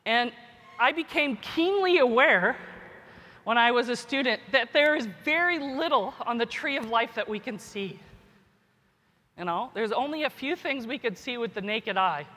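Speaking at a moderate pace with a sharp tone and fairly high pitch, an animated woman gives a keynote as a scientist and teacher, informal and peppered with "right?" and "you know." The big conference hall's echo leaves a long reverb.

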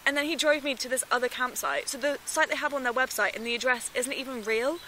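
An anxious actress as a young woman confides to her handheld camera in a found-footage film. Her voice sits fairly high and she speaks emphatically, worried and determined. There is faint noise around her. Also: steady tone, fast, bright, forceful tone. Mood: uneasy, confiding. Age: 20s. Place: small room, then outdoors in bare woodland. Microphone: handheld camera at arm's length.

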